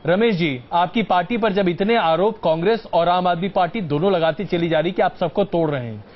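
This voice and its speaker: A man's voice: sits high, a little fast. A man anchoring and moderating a TV news debate, firm but polite, cutting in to keep order. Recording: dull lo-fi broadcast audio.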